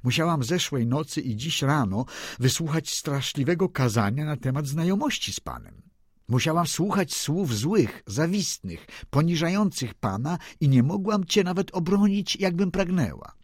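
A man reading the lines of a tearful, gentle young noblewoman in an audiobook, tender and pleading. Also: fairly high pitch, sing-song, moderate pace, dry recording, studio quality, voice pushed up.

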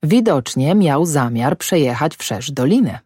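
A woman reads a classic novel aloud in a low voice for her sex, with a lively, highly varied intonation. The recording is dry and close, with no room sound. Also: a little slow, breathy edge, no echo. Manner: expressive storytelling. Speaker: audiobook narrator. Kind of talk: scripted narration of a classic novel.

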